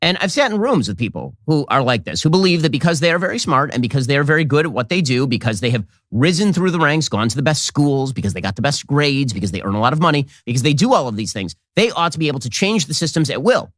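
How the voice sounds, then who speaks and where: A man as a political commentator delivering a quick, sarcastic monologue into a close mic. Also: a little high, big pitch swings, fairly bright tone, dry recording.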